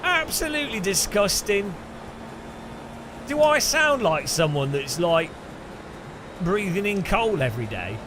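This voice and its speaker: A man with a Midlands English accent narrates a sim racing livestream with humorous, animated banter and sudden shrill outbursts. He keeps a measured pace with long pauses, and background noise is audible.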